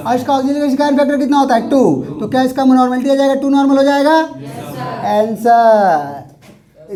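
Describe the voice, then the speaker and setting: A man teaching chemistry in a classroom, quizzing his students call-and-response questions in an animated way. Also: very high-pitched. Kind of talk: classroom lecture.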